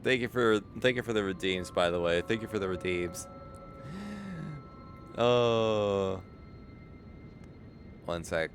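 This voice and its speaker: A man chatting excitedly as a game livestreamer, animated and often repeating his phrases. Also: lowish voice, slow, long pauses, noisy background. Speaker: live streamer. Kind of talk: excited gaming livestream chat.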